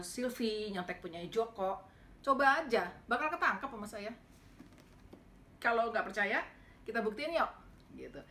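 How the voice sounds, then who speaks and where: In a casual, animated way, a middle-aged university lecturer tells her students a story, acting out the dialogue with sudden jumps in pitch. There's slight background noise.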